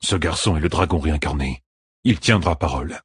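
A man's voice: extremely low pitch, fairly quick, breathy edge, no room sound, studio quality, full character voice. A man voicing a stern veteran male general who gives clipped commands, in an audiobook. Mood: grim. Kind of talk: audiobook character voice.

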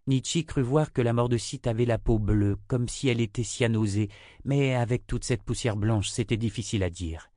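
A man narrating a fantasy novel in a steady, even reading voice. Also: mid-range voice, no room sound, clean studio sound. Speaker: audiobook narrator.

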